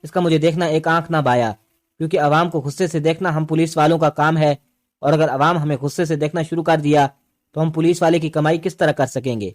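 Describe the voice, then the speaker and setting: A man narrating a first-person story with steady, dramatic storytelling. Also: a little high.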